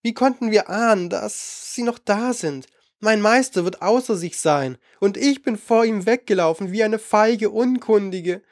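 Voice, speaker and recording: A man's voice: sits high, lively intonation, moderate pace, no echo, clean studio sound, pitched above the performer's own voice. A man voicing a frightened young girl, an apprentice mage who asks anxious, eager questions.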